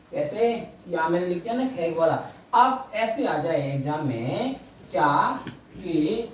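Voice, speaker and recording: A man teaching a Hindi lesson, speaking slowly, stressing key words and repeating his questions to the class. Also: high voice, a little mellow, a little hiss or hum. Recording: echoey room, mic far away.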